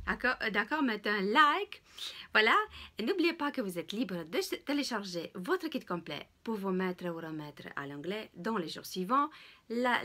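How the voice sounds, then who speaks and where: A woman gives a relaxed English lesson. She speaks in a slightly high voice and stops often to hesitate. She slows down to repeat each example word. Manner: many hesitations, repeats English words slowly. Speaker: English teacher. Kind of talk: casual spoken lesson.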